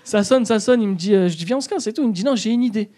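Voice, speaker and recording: A man's voice: high voice, racing, dark tone. A young man doing stand-up in a comedy club, telling a story and acting out both sides of the dialogue.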